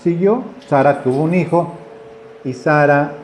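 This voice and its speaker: A man's voice: a little high, unhurried, slight background noise. A man preaching a conversational sermon, acting out the voices in his stories. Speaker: pastor. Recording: echoey room with faint ambience.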